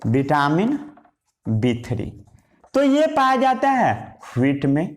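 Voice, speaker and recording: The teacher here has a slightly high voice whose pitch swoops wildly, and he talks slowly. His Hindi science lesson uses English terms and follows a repetitive question-and-answer pattern, with key words repeated as he writes.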